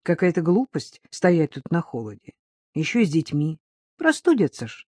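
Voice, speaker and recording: A woman's voice: low voice, big pitch swings, normal speed, warm tone, slightly rough, no room sound, clean studio sound, exaggerated voice. A woman reading aloud, voicing a timid young woman who speaks hesitantly and pleads. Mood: pleading.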